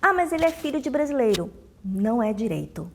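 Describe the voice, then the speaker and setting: There's vocal fry and a slight hiss or hum in this woman's fairly high, very animated voice, and she talks briskly. With a Brazilian Portuguese accent, she answers informal interview questions as a consular official, insisting on the rules, reiterating key points, and playing out dialogues in anecdotes.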